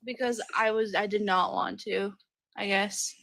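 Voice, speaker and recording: A woman's voice: mid-range voice, fairly even intonation, measured pace, gravelly, fairly bright tone. A young woman in her early twenties from Colorado, a hesitant, nervous caller in a casual chat. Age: 20s.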